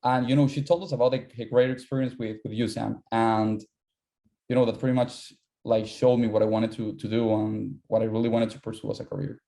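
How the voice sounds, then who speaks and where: Brisk and gravelly yet mellow, his medium-pitched voice holds a level tone. The guest is a young Colombian university finance student whose first language is Spanish. Speaking casually in an interview, he says things twice while he searches for words.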